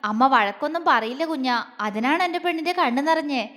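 A woman storyteller voicing a young man who speaks softly and affectionately to the woman he loves. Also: high-pitched, a little fast, big-room sound. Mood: tender, coaxing. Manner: soft, affectionate, coaxing. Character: loving, teasing young man, gentle and protective.

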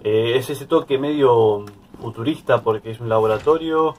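A mid-pitched man with a Rioplatense Spanish accent chats his way through a horror game. He narrates in loose, casual commentary and often yelps or laughs when something startles him. A faint background hiss sits under his voice. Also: normal speed. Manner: chatty, easily startled, yelps and laughs at scares. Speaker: gaming YouTuber. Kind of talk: casual let's-play commentary.

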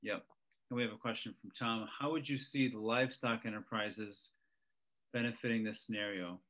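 A man's voice: fairly low pitch, fairly even intonation, moderate pace, fairly bright tone. A man moderating a webinar, reading audience questions aloud with brief acknowledgements in between. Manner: brief, reads questions out, then short acknowledgements.

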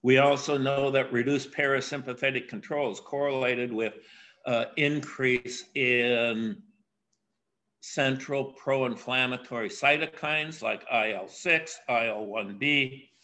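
An older man giving a keynote academic lecture, speaking in a measured way with frequent pauses and filler sounds. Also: medium pitch, fairly even intonation, bright, forceful tone. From USA.

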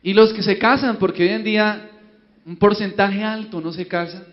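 A man's voice: high voice, normal speed. A man with a Colombian accent preaching a humorous sermon, telling a joke and quizzing his audience. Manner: joking, storytelling, asks audience. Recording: dull lo-fi, long hall reverb.

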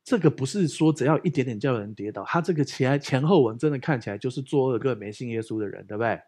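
A man, a pastor speaking Mandarin with a Taiwanese accent, preaching a lively conversational sermon, joking and often asking the congregation if they agree. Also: mid-range voice, fast talker.

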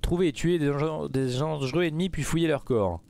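A man giving casual let's play commentary, mumbling then bursting into loud outbursts. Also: a little high, fairly quick, creaky, no echo. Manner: excitable, swings from mumbling to outbursts. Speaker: gaming YouTuber.

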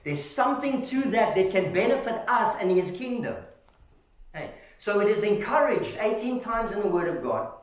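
A man preaching a sermon to his congregation, lively and animated, often calling them "family" and asking "Amen?". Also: high voice, normal speed. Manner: animated, calls listeners "family" and checks in with "Amen?". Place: church hall. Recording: echoey hall, voice from far off.

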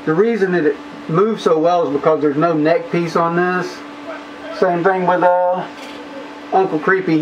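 A fairly high-voiced man speaks slowly and unhurriedly, his words muffled because he is talking through a rubber mask. He sounds enthusiastic and plainspoken, like a hobbyist showing off a favorite piece. An air conditioner hums clearly behind him. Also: background noise. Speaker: mask collector reviewer. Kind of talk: casual product review.

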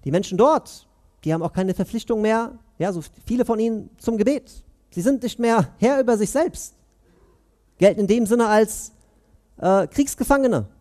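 An imam delivers a Friday sermon in a mosque prayer hall, his voice high, expressive, and slightly mellow. He preaches earnestly, asking questions and pausing between phrases, picked up by a headset mic.

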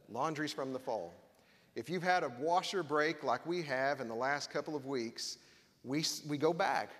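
A man's voice: mid-range voice, a bit bright. A man preaching a sermon as pastor, earnest with touches of wry humor, reading scripture aloud. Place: church sanctuary. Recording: long hall reverb.

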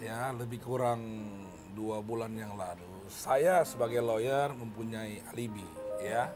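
Male lawyer, TV talk guest, middle pitch, halting delivery, music bed. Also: fairly even intonation. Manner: hesitant, repeats filler "ya".

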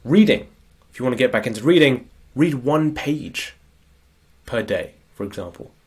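A productivity coach with a cold, sniffly as he talks, gives a casual screen-share lecture while sharing slides, keeping it conversational and often checking in with tag questions like "right?". His mid-range voice is husky and a little mellow, with lively intonation at normal speed.

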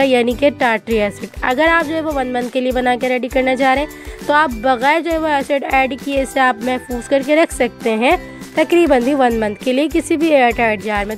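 A woman hosting a home cooking channel, narrating a recipe in a chatty way and often filling gaps with "jo hai woh". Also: sits high. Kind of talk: cooking tutorial voice-over.

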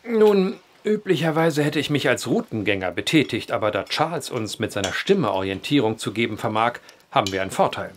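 An actor voices an earnest, methodical man who investigates vanishings in a period horror audio drama, a polite storyteller using formal, measured, old-fashioned phrasing. His natural mid-range male voice is animated yet deliberate, with a little hiss or hum.

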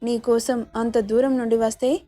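Woman voicing an eager young cousin, wheedling, mellow tone, close dry sound. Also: on the high side, flat delivery, moderate pace, no echo, natural voice.

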